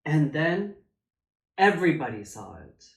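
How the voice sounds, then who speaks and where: A man reads a picture book to children in a theatrical, emphatic way. His voice sits a little high and moves with lots of melody. He takes his time with dramatic pauses, and the room sounds echoey. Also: very animated, vocal fry. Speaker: drag storytime reader. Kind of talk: expressive children's picture book read-aloud.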